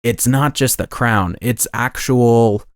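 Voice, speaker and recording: Male podcast host, mid-pitched, rambling and self-correcting, dry close mic. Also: slow pace, smooth, no room sound. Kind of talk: casual podcast monologue.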